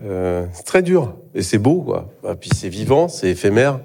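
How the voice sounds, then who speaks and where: A man's voice: fairly low pitch, big pitch swings, normal speed, vocal fry, dark tone, slightly rough, soft background music. A middle-aged man, an actor, talking in a live interview on a theatre stage, hesitant, with many fillers and restarts. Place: theatre stage before an audience.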